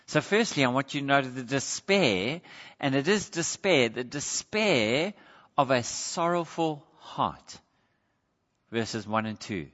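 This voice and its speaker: A man preaching a sermon, earnest, moving between quiet pleading and raised emphasis. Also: medium pitch, expressive, slow. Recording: dull lo-fi sound with long hall reverb.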